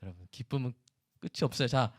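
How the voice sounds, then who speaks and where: A middle-aged male pastor preaching a sermon, asking the congregation questions and answering them, dropping from loud exclamations to hushed whispers. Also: mid-range voice, quick pace.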